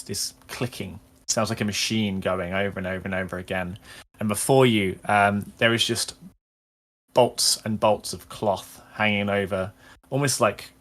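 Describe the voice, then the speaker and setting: A man narrating as game master in a tabletop role-playing session, describing scenes with frequent pauses and fillers. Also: fairly low pitch, a bit bright.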